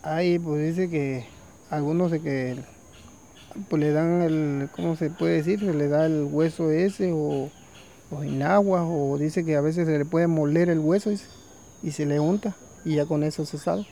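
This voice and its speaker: Man, folk storytelling, filler-heavy, gravelly, faint background noise. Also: on the high side, steady tone, measured pace, dark tone. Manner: conversational, full of fillers.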